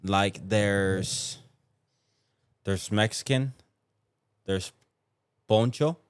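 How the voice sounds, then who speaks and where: A man who is a podcast guest, talking casually with lots of restarts and sudden jumps in pitch when he gets worked up. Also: extremely slow, clean tone, no echo. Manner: hesitant, many fillers and restarts, jumps up in pitch when excited.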